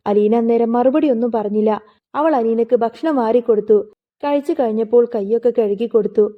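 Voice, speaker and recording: A woman's voice: a little high, a little fast. A woman narrating a family drama story in an emotive, dramatic telling. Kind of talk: storytelling serial recap. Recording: phone-like narrow sound.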